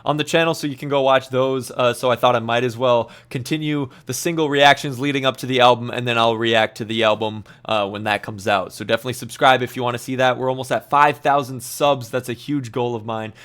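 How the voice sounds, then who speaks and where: A man hosting a music reaction channel, giving casual, excitable commentary and laughing often as he gushes. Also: medium pitch, fairly quick, hardly any pauses, clear, resonant tone.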